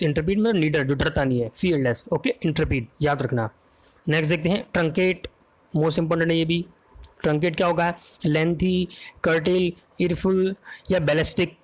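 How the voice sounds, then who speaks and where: A man with an Indian accent teaching English vocabulary for an exam, talking fast in a quiz style and often checking that students follow. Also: a little high. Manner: fast, drills answers with repeated "है ना?" checks.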